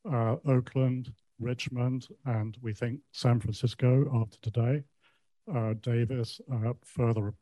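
A man's voice: mid-range voice, dark tone, no room sound. An older retired man giving a polite public comment, hesitant with many ums and uhs. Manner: polite, measured.

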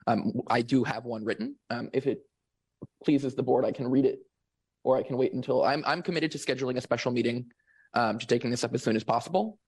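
A man on a public board speaks hesitantly, filling his pauses with ums and restarts. His voice is husky. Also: medium pitch. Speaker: board member. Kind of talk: remarks at a public meeting.

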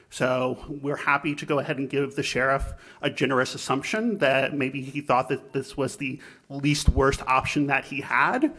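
A man giving measured, polite public comment at a county budget hearing. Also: medium pitch, fairly bright tone. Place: county commission chamber.

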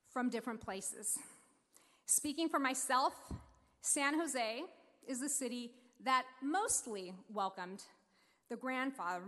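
A woman with a fairly high voice gives a slow, heartfelt speech from a stage. The sound rings with the long reverb of a large hall. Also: fairly bright tone. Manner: heartfelt, slow and deliberate, getting emotional. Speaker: speaker introducing the mayor. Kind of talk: prepared speech at a civic celebration.

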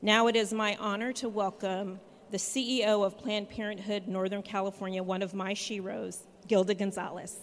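An American woman delivering a scripted rally speech as an event leader, emphatic and declarative, with pauses for effect. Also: mid-range voice, little pitch movement. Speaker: coalition leader hosting a commemoration event. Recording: long hall reverb, background noise.

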